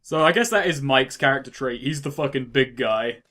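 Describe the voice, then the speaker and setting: A man's voice: medium pitch, lively intonation, a little fast, pushed and bright. A man from the UK giving casual, laid-back game commentary, swearing freely and laughing often.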